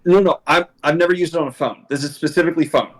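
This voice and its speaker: A man's voice: fairly high pitch, fairly even intonation, rapid-fire, low-quality recording. A man playing a tabletop game, casual and blunt, swearing freely. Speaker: player. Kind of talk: casual banter with friends.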